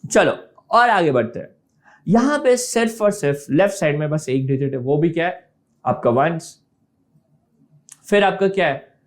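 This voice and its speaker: A man's voice: fairly high pitch, lively intonation, unhurried, long pauses. A male maths teacher giving an online class, explaining step by step, mixing English terms into Hindi, and keeping on asking whether students have understood.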